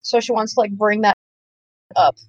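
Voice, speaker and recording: A woman's voice: mid-range voice, fairly even intonation, normal speed, dry recording. Hesitant woman on a muffled voice call. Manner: hesitant, with many restarts and fillers. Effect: muffled voice-chat line that breaks up. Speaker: tabletop game player. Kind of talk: casual chat in an online tabletop game. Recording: dull lo-fi online call audio.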